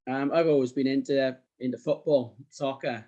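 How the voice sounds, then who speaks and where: A middle-aged man speaks in a South Wales Valleys accent at an ordinary, medium pitch. He chats casually as an interview guest, modest and a little hesitant in how he puts things. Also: steady tone, moderate pace, warm tone, highs cut off. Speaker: podcast guest, sports graphic designer.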